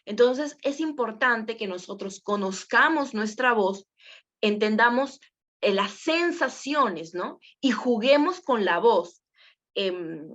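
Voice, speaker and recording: A woman's voice: a little high, fairly bright tone. Female voice coach giving a casual workshop lesson, often checks in with the class, muffled recording. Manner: conversational, many fillers, asks the class questions. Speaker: voice and presenting teacher.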